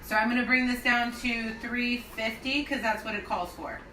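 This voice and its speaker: A woman's voice: on the high side, steady tone, normal speed. Tipsy, giggly woman rambling over kitchen noise. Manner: giggly, tipsy, loose chattiness; informal, rambling, thinking aloud. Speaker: home cooking vlogger. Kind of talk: casual cooking demo to camera. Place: home kitchen. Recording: noisy home recording with kitchen ambience.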